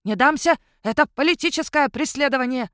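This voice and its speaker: A shrill, whining male werewolf from an audiobook, indignant and scheming, as a woman narrator puts him on. His voice rides high and loud and swings wildly in pitch. The recording is close and dry. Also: animated, brisk, dry recording, natural voice. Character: whiny scheming male werewolf treasure hunter.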